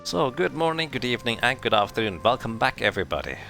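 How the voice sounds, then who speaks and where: A man's voice: medium pitch, very animated, quick pace, creaky, bright, forceful tone, faint music behind. A man streaming a game, chatting casually and thinking aloud, his voice sounding tinny and canned through a substitute microphone. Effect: tinny tin-can sound from a substitute microphone.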